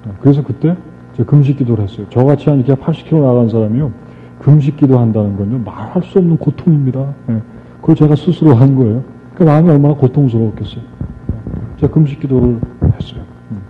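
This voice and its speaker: A middle-aged man giving an animated storytelling speech to a live audience, joking with the crowd and acting out conversations. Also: mid-range voice, quick pace, slight background noise. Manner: animated, re-enacts dialogue and jokes with the crowd. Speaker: motivational speaker. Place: stage before a live audience. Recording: tinny lo-fi archive recording with faint music.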